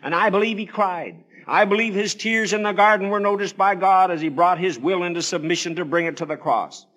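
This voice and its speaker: A man with a high-pitched, slightly fast and somewhat bright voice preaches on the radio. In a solemn, pleading, theatrical manner he tells Bible stories in formal, old-fashioned scriptural phrasing, a dramatic evangelistic sermon.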